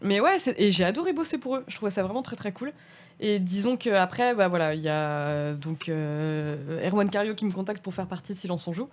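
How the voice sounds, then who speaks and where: A woman's voice: medium pitch, lively intonation, brisk, a little mellow. Chatty French woman guest, laughing easily. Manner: chatty, laughs often, trails off with fillers. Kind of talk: casual chat.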